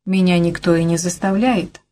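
A woman voicing a calm, determined male TV journalist, speaking in a businesslike way. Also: lowish voice, normal speed, close to an everyday voice.

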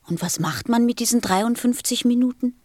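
A woman playing a gentle, curious and earnest little boy in a German radio play, with a husky voice and simple questioning delivery. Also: on the high side, moderate pace, no echo, natural voice.

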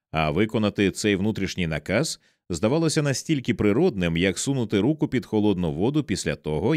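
A man narrates an audiobook in a low, expressive voice. His pitch rises and falls widely as he builds tension, and the recording is dry and close, with no room sound. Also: no echo. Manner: measured, dramatic storytelling with wide swings in pitch. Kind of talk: audiobook reading of a horror novel.

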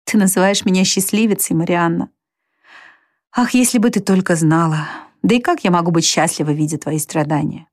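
Woman doing a gentle, steady elder sister. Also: a little fast, no echo, studio quality, close to an everyday voice. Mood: sad. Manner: low, soft, steadying.

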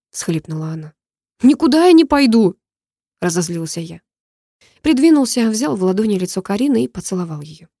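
A woman reads a dramatic first-person story in a warm, mellow voice, and the tension carries through her narration. The recording is dry and close, with no room sound. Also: mid-range voice, no room sound. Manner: tense, emotional storytelling. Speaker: audiobook narrator.

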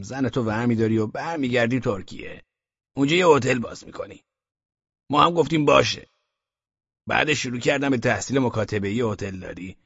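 A man's voice: fairly low pitch, husky, no echo, lo-fi sound. A man voicing a boastful, talkative grown man who complains while telling his own story in an audiobook. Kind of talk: audiobook character reading.

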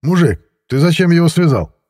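A man voicing a loud, bossy police sergeant who barks rough, crude threats. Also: fairly high pitch, sing-song, a little fast, voice pushed up. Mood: barking, threatening.

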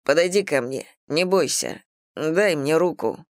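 A woman voicing a remorseful young husband who speaks shakily and apologetically, in a low, dry voice. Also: expressive, unhurried, no echo. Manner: shaky, apologetic.

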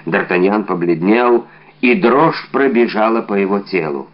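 A male audiobook reader narrating in a steady, dramatic manner. His voice sits low. The recording is dull and lo-fi. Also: a little slow. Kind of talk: scripted narration.

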